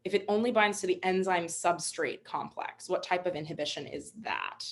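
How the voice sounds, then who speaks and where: A woman's voice: fairly low pitch, moderate pace. A young woman instructor teaching a live online webinar, upbeat and encouraging, chatty with fillers. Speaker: MCAT instructor.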